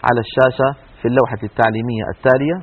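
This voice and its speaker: A man walks through Quran recitation rules one step at a time on a TV lesson, stretching out recited words as examples. He speaks at a medium pitch with fairly even intonation, and the audio is slightly rough, narrow and tinny.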